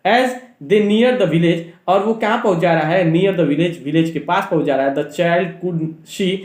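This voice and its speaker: A young man teaching a school English lesson. He reads English lines slowly, then explains them quickly in Hindi, asking questions and answering them himself. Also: high voice, reverberant.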